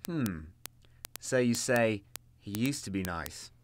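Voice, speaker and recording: A man's voice: fairly low pitch, expressive, slow pace, slight background noise. A man playing a sarcastic demon hunter. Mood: dry sarcastic. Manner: dry, sarcastic.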